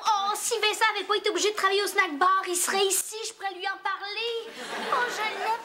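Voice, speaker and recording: A woman's voice: very high voice, steady tone, fast talker, over a noisy crowd, heavy background noise. An actress playing an anxious, lovestruck, bookish young woman in a television sitcom, with a Quebec French accent and fretful, emphatic delivery. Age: young adult. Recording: loud studio audience laughter behind.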